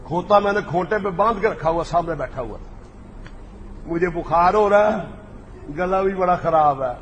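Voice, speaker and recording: A religious speaker, male, with a high-pitched voice and lively intonation, delivers a polemical speech at a moderate pace, mocking the exchanges he recounts and acting them out like a storyteller. The recording is muffled, with an echoey hall and faint background noise.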